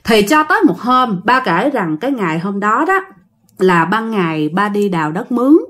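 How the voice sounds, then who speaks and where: Lively woman storyteller. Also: mid-range voice, normal speed. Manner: conversational, addresses listeners. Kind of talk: telling a ghost story.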